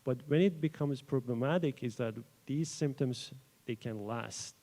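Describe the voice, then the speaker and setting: At a live summit, a young Persian-speaking doctoral researcher from Iran presents his work in an event room through a podium microphone he has adjusted. His warm, mid-pitched voice moves a little slowly, and his loose delivery keeps breaking into ums, uhs and restarted phrases.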